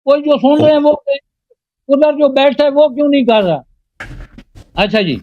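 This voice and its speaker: A man debating religion live, slowly chanting Arabic invocations and then arguing pointedly. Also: very high-pitched, lively intonation. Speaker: debater, Sunni cleric. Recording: dull, dry lo-fi audio.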